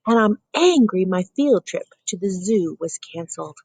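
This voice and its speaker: A woman voicing an upset little girl from a picture book who misses her school and friends, with a high, whiny, husky crying voice. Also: lively intonation, moderate pace, darkish tone, dry recording, poor audio. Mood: tearful.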